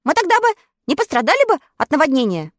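A woman voicing a small, clever, boastful male dog who chatters quickly and eagerly. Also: high voice, wildly swooping pitch, dry recording, clean studio sound, voice pushed up.

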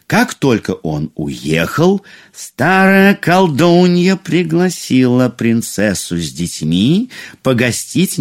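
Male fairy-tale narrator, measured pace, very animated intonation. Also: lowish voice. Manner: expressive, unhurried reading. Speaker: storyteller.

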